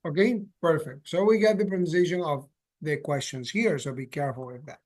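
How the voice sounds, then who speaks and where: High-voiced bilingual English teacher. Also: male voice, normal speed, darkish tone. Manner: mixes English and Spanish, repeats phrases with "¿ya?" and "¿ok?". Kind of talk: bilingual classroom explanation.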